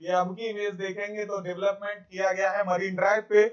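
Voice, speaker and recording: A man's voice: sits high, level tone, brisk, muffled recording. A man giving a current affairs exam lecture over slides, repeating key facts and calling his viewers friends. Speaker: exam coaching teacher.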